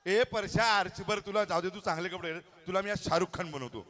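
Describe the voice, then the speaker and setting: A man with a bright, high-set voice emcees a live outdoor stage show on a handheld mic. He coaxes and teases children in a playful way. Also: fast. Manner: playful, coaxing, teasing. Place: outdoor stage at a hotel lawn.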